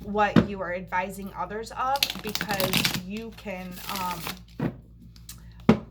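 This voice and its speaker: A woman giving a monthly tarot reading to camera, her voice a little creaky and tired after a long day, reassuring listeners as she goes. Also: medium pitch, steady tone, slow, very noisy. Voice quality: slightly creaky. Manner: reassuring, checks in with "okay?". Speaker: tarot reader.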